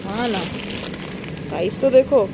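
A woman's voice: fairly high pitch, measured pace. A woman vlogger with an Indian Hindi-Urdu accent, chatting casually about products and prices while walking through a large supermarket, recorded on a phone. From South Asia. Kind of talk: casual walk-through vlog. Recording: phone video with store noise.

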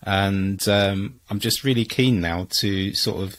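A man's voice: low-pitched, slow, fairly bright tone. A man hosting a podcast, asking a guest curious, welcoming questions into a studio mic at home. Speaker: podcast host. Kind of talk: interviewing a guest. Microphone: studio mic on arm.

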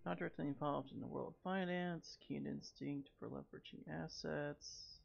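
A man giving relaxed, wry commentary while playing a video game on stream, recorded on a dull lo-fi mic. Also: fairly high pitch, moderate pace, gravelly. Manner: relaxed, wry asides while reading menus. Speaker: let's play streamer. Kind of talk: casual gameplay commentary.

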